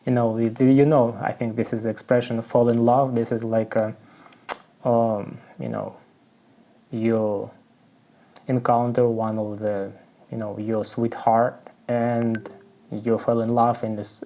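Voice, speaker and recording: A man with a Russian accent explains song lyrics to English learners at an unhurried, careful pace. His voice is dark and mellow, and his speech is halting as he searches for the right word and leans on fillers. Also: mid-range voice, level tone. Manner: halting, searching for words, frequent "you know" fillers.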